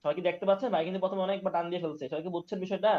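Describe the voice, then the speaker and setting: A man teaching Quran reading in an online class, patiently spelling out syllables slowly and repeating each word. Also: high voice, steady tone, lo-fi sound. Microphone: online class call mic.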